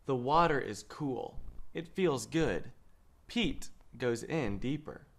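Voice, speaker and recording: Reading a children's picture book aloud in an indoor studio, this young male host speaks slowly with lively pitch and some vocal fry. His storytelling is measured and expressive, with quoted lines raised.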